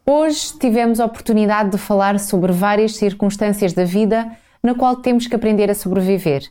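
A woman's voice: medium pitch, moderate pace, mellow. A woman with a European Portuguese accent hosting a radio programme, interviewing and presenting in a prepared style. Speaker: radio host.

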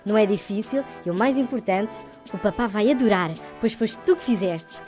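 A woman's voice: mid-range voice, normal speed, darkish tone, soft background music, lightly acted. A woman voicing a clever, cheerful little boy helper on children's radio, teaching crafts in sing-song European Portuguese. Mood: cheerful, instructive.

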